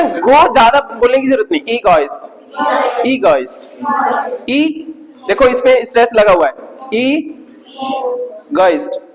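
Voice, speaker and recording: A man teaching English vocabulary in Hindi, drilling pronunciation and checking in with his class again and again. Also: very high-pitched. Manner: repetitive, drills words, checks in with "ठीक है ना"; slow, drawn-out spelling of sounds. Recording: long hall reverb.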